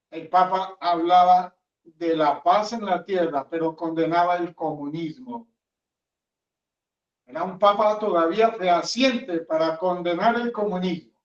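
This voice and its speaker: A man, a friar, preaching a homily with an emphatic, repetitive cadence and rhetorical questions, recorded in a chapel. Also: sits high. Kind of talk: sermon. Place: chapel of a hermitage. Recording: echoey, dull sound from a distant mic.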